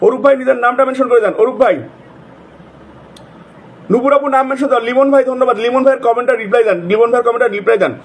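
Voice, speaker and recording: A man hosting a live stream, repeatedly calling out viewers' names in rapid, repetitive bursts. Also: very high-pitched, steady tone, breathy edge. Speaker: livestream host. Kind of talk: casual live-stream shout-outs.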